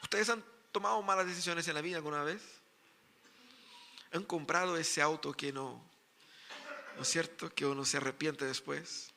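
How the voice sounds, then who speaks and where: Male pastor, high and forceful, emphatic preaching in a reverberant church hall. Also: fairly even intonation, normal speed, vocal fry, pauses often, a little hiss or hum. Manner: emphatic preaching, voices characters in quotes. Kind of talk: sermon. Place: church sanctuary.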